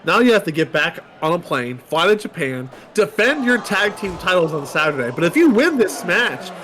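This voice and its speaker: A man's voice: high voice, sing-song, moderate pace, fairly bright tone, slight background noise. A man calling wrestling play-by-play, counting pinfalls aloud and dropping chatty news asides. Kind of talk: play-by-play commentary.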